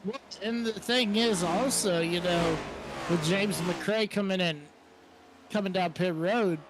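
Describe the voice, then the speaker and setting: Chuckly, high-voiced male color commentator. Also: slow pace, very noisy. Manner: casual, chuckling, filler-heavy. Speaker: sim racing color commentator. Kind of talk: live race commentary.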